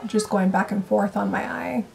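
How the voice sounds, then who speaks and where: A young woman chatting excitedly and quickly through a casual makeup vlog at home. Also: mid-range voice, gravelly. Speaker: vlogger.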